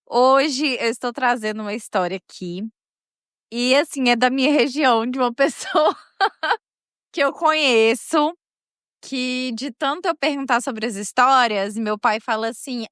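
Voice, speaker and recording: A woman from Minas Gerais, Brazil, with a strong Mineiro accent tells a real-life story on her podcast. Her voice is a little high, a bit bright and smooth, recorded dry and close with no room sound. She is chatty, laughs often and addresses listeners directly, like friends.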